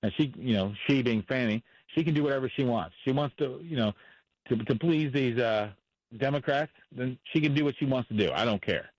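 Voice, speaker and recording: A man's voice: mid-range voice, a little fast, no echo, dull audio. A man speaking as a defense attorney in a radio interview, blunt and impassioned, repeating himself for emphasis.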